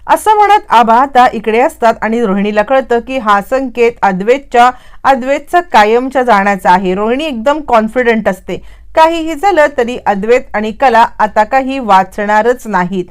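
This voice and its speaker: A woman's voice: on the high side, smooth. A woman narrating a recap of a TV serial, retelling scenes and acting out the characters' lines.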